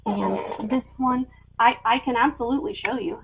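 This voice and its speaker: A woman's voice: on the high side, normal speed, creaky, noisy background. A woman working as an auctioneer on a live online sale, presenting items and calling bids. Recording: tinny phone-like sound.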